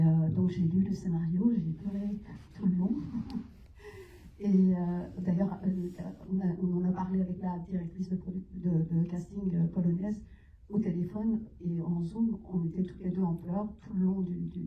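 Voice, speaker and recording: An actress from Iran answers questions at a cinema talk, speaking in hesitant phrases packed with fillers. Her voice is fairly low and steady at a normal speed, and the cinema hall makes the recording echoey, distant and muffled.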